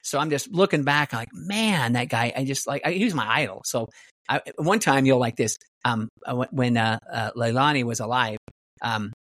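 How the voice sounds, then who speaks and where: A middle-aged guest martial artist tells stories casually, rambling with lots of fillers and restarts. His mid-range, slightly bright voice moves at a moderate pace, and the studio-quality recording has no room sound.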